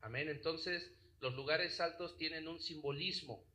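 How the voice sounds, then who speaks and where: Bright-voiced man preaching a sermon. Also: on the high side, unhurried, poor audio. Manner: asks the congregation rhetorical questions.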